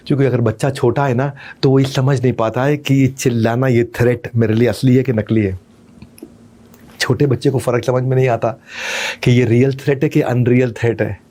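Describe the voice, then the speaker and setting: Theatrical seminar speaker, man. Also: mid-range voice. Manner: rhyming, theatrical, acts out yelling mothers and children. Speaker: motivational speaker. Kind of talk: seminar speech.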